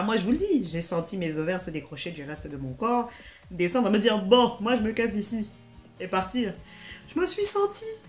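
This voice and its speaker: A young woman vlogger telling a story in an animated, exaggerated, slangy way. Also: mid-range voice. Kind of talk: casual storytelling vlog.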